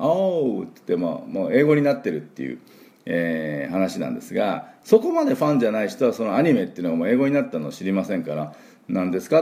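Deep-voiced chatty male English teacher. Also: a little mellow. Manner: chatty, digressive, drills phrases for listeners to repeat. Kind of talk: spoken English pronunciation lesson.

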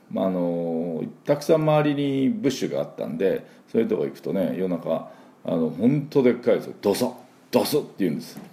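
A man's voice: deep voice, gravelly, mellow. A man hosting a casual spoken English lesson, chatty with many fillers, modelling words for listeners to repeat. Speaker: English pronunciation teacher, podcast host.

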